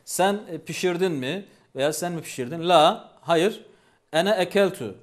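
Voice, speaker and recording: A man's voice: on the high side, unhurried. A man teaching a language lesson, patiently repeating each phrase and asking questions.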